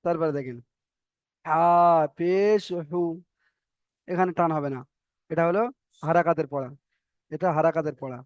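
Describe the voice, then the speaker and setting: A man teaching a recorded class on reading the Quran, spelling out letters one by one and stretching vowel sounds slowly, patient and repetitive as he checks that students follow. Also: a little high, no echo, dull audio. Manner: patient, repeats each example and checks understanding.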